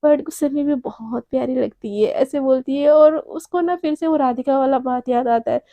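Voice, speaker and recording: A woman's voice: high-pitched, normal speed, no room sound, lo-fi sound. A woman narrating a love story in a chatty, casual storytelling way. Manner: chatty, filler-laden retelling.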